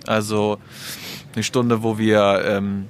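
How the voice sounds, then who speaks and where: A man's voice: on the low side, flat delivery, takes it slowly. Chatty male student, faint noise behind. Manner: chatty, colloquial. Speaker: student interviewer. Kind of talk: casual interview chat.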